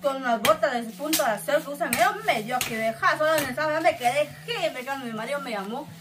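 A woman's voice: high-pitched, lively intonation, fast talker, noisy background. A woman telling her own story in a rambling, breathless way, full of broken restarts. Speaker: woman telling of being beaten. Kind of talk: emotional first-person account.

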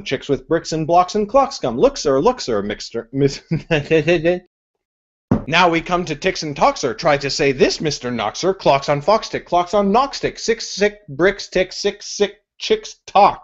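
A man's voice: a little high, muffled recording. A young male vlogger doing a tongue-twister challenge to camera, theatrical and often interrupting himself. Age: young adult. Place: living room, indoors. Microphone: webcam at desk distance.

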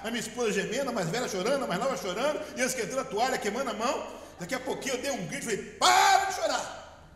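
A middle-aged man from Brazil with a Brazilian Portuguese accent, preaching a lively sermon as pastor and leading the congregation in call-and-response. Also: sits high. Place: large church hall. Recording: echoey church hall.

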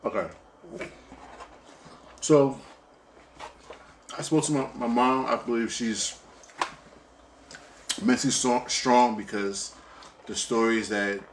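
A man co-hosting a casual couple's chat while eating, talking haltingly with frequent restarts. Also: mid-range voice, steady tone, a little hiss or hum. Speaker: co-host.

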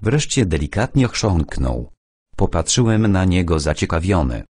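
A man reading a first-person novel as an audiobook, with steady, even storytelling. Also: sits low, a little slow, breathy edge. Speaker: audiobook narrator.

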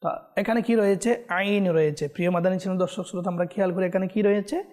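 A man with a high voice teaches Quran recitation in a televised lesson. He speaks straight to the viewers. He draws words out slowly when he shows how they should be pronounced. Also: steady tone, a little mellow. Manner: stretches words slowly when demonstrating pronunciation; often addresses viewers directly.

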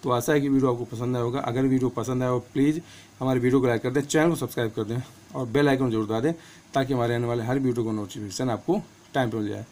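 A man's voice: mid-range voice, fairly even intonation, a little mellow. A man teaching English pronunciation and spelling, listing words one by one with their meanings. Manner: slow, patient, lists words with meanings.

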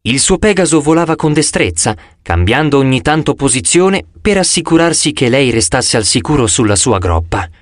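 A man reading an audiobook with animated first-person storytelling. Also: medium pitch, moderate pace, hardly any pauses, dry recording, clean studio sound. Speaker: audiobook narrator.

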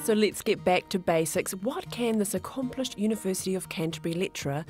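A woman's voice: medium pitch, fairly quick, over loud music. A woman narrating a television profile in a polished, playful scripted voice-over. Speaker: programme narrator.

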